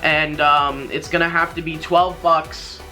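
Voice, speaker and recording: Soft background music plays as a young adult tech tutorial host walks through steps casually in a fairly high, pushed, bright voice. His delivery is flat and unhurried yet rambling, informal and slangy, recorded in a small indoor room.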